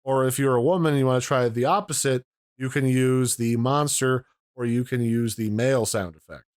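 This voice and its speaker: A man's voice: medium pitch, steady tone, brisk, no echo, studio quality. A man giving a casual, explanatory demo of audio mixers, pointing out their controls, recorded at home. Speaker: tech reviewer. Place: home room.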